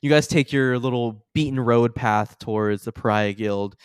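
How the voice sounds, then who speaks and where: A man's voice: mid-range voice, normal speed, smooth, no echo, studio quality. Laid-back young man running a game. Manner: casual, laughing, full of fillers. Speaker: game master. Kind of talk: narrating a tabletop game.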